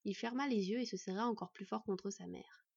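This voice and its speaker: A woman reading a fantasy storybook aloud in measured, gentle narration. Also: medium pitch, creaky, breathy edge, no room sound, dull audio. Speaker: audiobook narrator.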